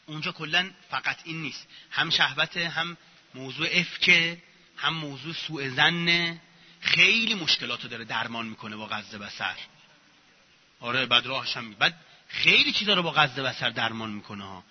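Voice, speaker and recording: A man's voice: mid-range voice, breathy edge. A man giving an informal religious lecture, sarcastic and acting out mocking examples as he talks. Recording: muffled echoey hall recording.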